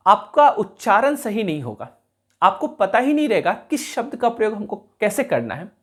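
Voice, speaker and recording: A man teaching a class, explaining carefully, repeating key sounds slowly and checking whether his students follow. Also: high-pitched, sing-song, breathy edge. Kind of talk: classroom lecture.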